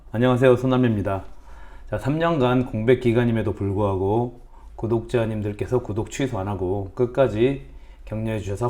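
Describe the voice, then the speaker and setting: A man's voice: fairly low pitch, darkish tone. Folksy middle-aged man explaining importing. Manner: folksy, calls himself grandma, banmal to viewers. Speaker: channel host teaching importing. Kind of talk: casual instructional talk.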